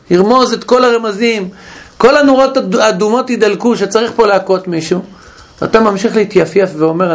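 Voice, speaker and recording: Gravelly high-voiced man teaching a class. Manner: questioning, animated, with many restarts. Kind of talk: Bible study class.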